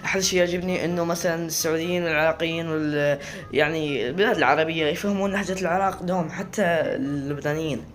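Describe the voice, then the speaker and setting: A man with an Iraqi accent chats to camera at a quick clip, his voice sitting a little high. He rambles and often cuts off a word to start it again. Soft music plays faintly behind him. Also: fairly even intonation. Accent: Iraqi Arabic. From Iraq. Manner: rambling, chatty, often breaks off and restarts words. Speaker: video creator. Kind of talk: casual talk to camera.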